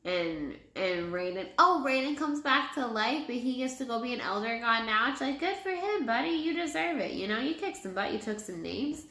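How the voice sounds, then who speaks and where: A woman's voice: a little high, lively intonation, moderate pace, few pauses, pushed and bright. A woman giving a casual film review in a tipsy, rambling way, repeating herself as she goes. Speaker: movie reviewer. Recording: echoey room.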